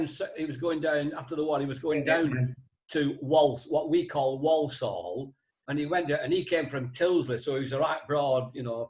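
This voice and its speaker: A man hosts a quiz over a video call. He has a fairly high voice and teases his players with dry jokes between questions. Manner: jokey, teasing quiz master. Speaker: quiz host.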